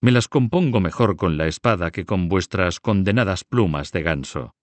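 Man doing a booming giant of a count. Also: animated, normal speed, no echo. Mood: blunt. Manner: blunt, commanding. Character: giant boisterous nobleman, count, brash.

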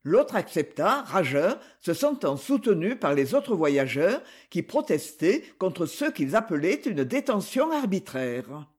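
Husky, animated male audiobook narrator. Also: high voice.

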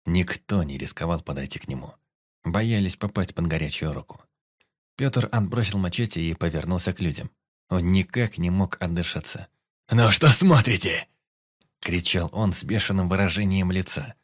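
Brief: deep male narrator, steady audiobook reading. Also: normal speed, no echo, studio quality.

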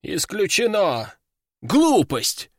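A man's voice: high-pitched, huge pitch swings, very slow, dry recording, studio quality, full character voice. A man doing a stern commanding old sorcerer. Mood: dismissive. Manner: commanding and harsh. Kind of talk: audiobook character voice.

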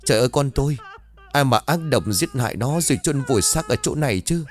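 A man's voice: lively intonation, fairly quick, faint music behind, close to an everyday voice. A man playing a wailing old mother. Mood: anguished. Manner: high, wailing, anguished. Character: frantic grieving old mother.

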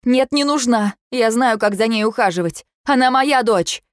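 A woman voicing an exhausted, anxious young mother who pleads and rises to shouts. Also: on the low side, moderate pace, dry recording, clean studio sound, lightly acted. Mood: pleading.

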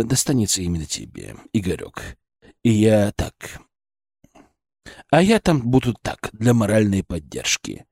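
A man voicing a gruff, blunt, middle-aged male surgery chief who teases and bosses his colleague. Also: medium pitch, darkish tone, no echo, studio quality, pitched below the performer's own voice. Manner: teasing, blunt, bossy.

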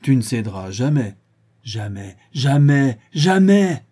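A man voicing a defiant mother in an audiobook reading, crying out her hatred at a raised pitch. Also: sing-song, takes it slowly, dark tone, breathy edge, full character voice. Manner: cries out defiantly.

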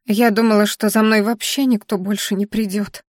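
A woman's voice: fairly high pitch, moderate pace, dry recording, studio quality, pitched above the performer's own voice, close to an everyday voice. A woman voicing a frightened, tearful young girl who stammers and pleads. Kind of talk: audiobook character voice.

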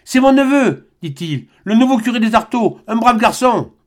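A man's voice: extremely high pitch, lively intonation, moderate pace, voice pushed up. A man doing a hearty old country doctor. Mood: placating. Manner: hearty, teasing. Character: jovial elderly male country doctor.

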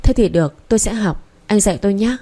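A woman's voice: medium pitch, quick pace, mellow, natural voice. A woman reading the lines of a shy, hesitant young woman who doubts herself, in an audiobook.

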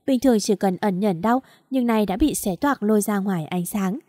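Woman narrating a family drama audiobook, steady storytelling, dry close voice. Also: mid-range voice, normal speed, no room sound.

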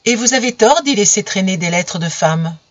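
A narrator voicing a young woman, jealous and indignant, who fires sharp accusing questions in an audiobook. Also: medium pitch, lively intonation, normal speed, dry recording, lo-fi sound, close to an everyday voice. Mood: prying. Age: young adult. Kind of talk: audiobook character voice.

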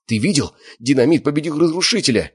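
A man's voice: a little high, animated, quick pace, slightly rough, voice pushed up. A man voicing a naive, greedy young man, eager and gleeful.

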